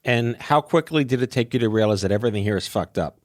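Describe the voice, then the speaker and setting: A man's voice: mid-range voice, fast. A man with a mid-range voice hosts the conversation in a wry, irreverent way, mixing jokes with blunt questions. His voice is dry and close to the mic, with no room echo. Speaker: podcast host. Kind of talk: casual interview conversation.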